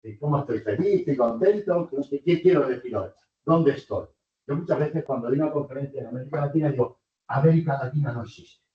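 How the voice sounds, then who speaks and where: Older professor lecturing in a hall. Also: male voice, medium pitch, a little fast. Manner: lively, rhetorical questions to the audience. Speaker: university professor. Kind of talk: university lecture. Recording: distant, roomy, muffled lecture hall recording.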